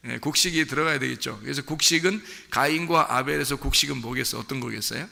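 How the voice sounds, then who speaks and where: Male pastor, gravelly and bright, relaxed sermon with questions to the congregation, big church reverb. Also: mid-range voice, fast talker. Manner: conversational, asks the listeners questions and acts out quoted lines. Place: church sanctuary. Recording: long reverb of a large hall.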